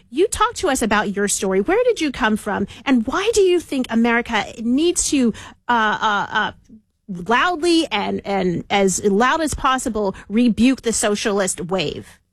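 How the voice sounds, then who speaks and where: A woman's voice: a little high, animated, unhurried, no echo. A woman hosting a talk show, introducing and questioning her guest in an emphatic, persuasive way.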